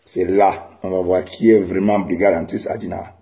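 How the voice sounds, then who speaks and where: A Cameroonian vlogger with a low, warm voice rants angrily to the camera at home at normal speed, his delivery flat. He's heated and scolding, repeating himself over and over.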